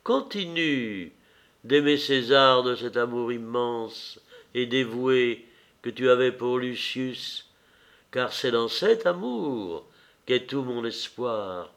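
A man's voice: medium pitch, a bit bright. A man reading Agrippine, a proud bitter empress mother. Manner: stern, commanding reading. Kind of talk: audiobook reading.

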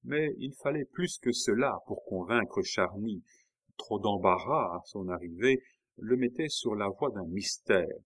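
A man reading a novel aloud in a measured, dramatic way. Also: lowish voice, animated, no echo. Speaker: audiobook reader. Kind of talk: novel narration.

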